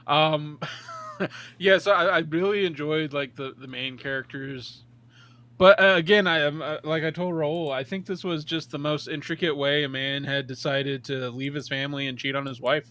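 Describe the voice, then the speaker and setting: A young man co-hosting a casual film review podcast, animated, laughing often and swearing casually. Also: a little high, moderate pace. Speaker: podcast co-host.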